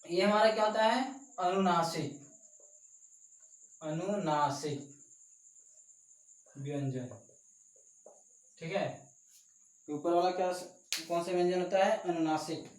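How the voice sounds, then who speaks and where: A male teacher giving a classroom lesson, sounding out consonants slowly one by one and checking in with the class often. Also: high voice. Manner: slow, drawn-out sounding of letters with frequent "ठीक है" checks. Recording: echoey room, distant mic, insects chirping.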